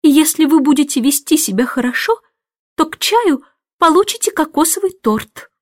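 A woman's voice: high voice, expressive, normal speed, dry recording, clean studio sound, voice pushed up. A woman voicing a harried middle-aged mother, plaintive and fussing, in a storybook reading. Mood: scolding.

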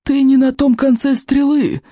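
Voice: high voice, little pitch movement, unhurried, warm tone, no echo, studio quality, pitched above the performer's own voice. A reader voicing a crazed, scrawny old male librarian who screeches and hisses his words in a storybook reading. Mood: shrill, accusing. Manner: screeching, hissing, creaky. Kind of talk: audiobook character voice.

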